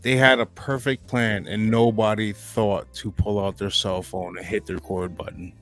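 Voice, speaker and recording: Dude tossing in dry jokes during the chat, some music in the back. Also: male voice, on the low side, flat delivery, normal speed, a bit bright. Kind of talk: casual chat.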